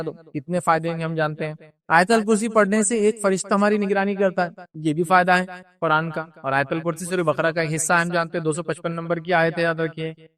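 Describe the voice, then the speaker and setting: Male lecturer, higher-pitched voice, explanatory teaching manner with lively retold dialogue. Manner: explanatory, repeats key points, animated retelling. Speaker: Islamic speaker. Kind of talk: religious lecture.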